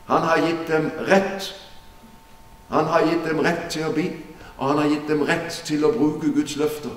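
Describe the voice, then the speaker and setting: An earnest man preaches with steady emphasis, his fairly high voice picked up from a distance. The church hall rings with a long, roomy echo around every phrase. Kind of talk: sermon Bible teaching. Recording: echoey church hall from far off.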